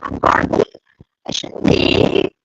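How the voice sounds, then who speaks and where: A woman, an interpreter, speaking over a remote call whose audio comes through garbled and robotic, giving short toneless replies. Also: takes it slowly. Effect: garbled robotic-sounding call audio. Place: remote call into a studio stream. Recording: muffled lo-fi call line with faint noise, from far off.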